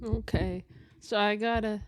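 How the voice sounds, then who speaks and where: A woman's voice: mid-range voice, fairly even intonation, unhurried, no room sound. A young woman co-hosting a podcast, chatting casually in a giggly, playful way. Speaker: podcast co-host. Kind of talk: casual chat.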